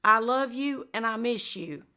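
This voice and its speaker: Slow, bright-voiced older woman. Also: a little high, animated, clean tone. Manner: slow, tender and heartfelt. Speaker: interviewee. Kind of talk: interview, repeated takes.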